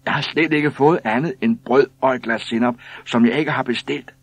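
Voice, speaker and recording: A man voicing shrill, scolding island housewives in a storybook reading, high and loud. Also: fairly even intonation, husky, no echo.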